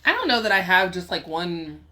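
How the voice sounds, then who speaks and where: A woman co-host in a casual podcast chat, relaxed and a bit salty. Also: on the low side, a little fast.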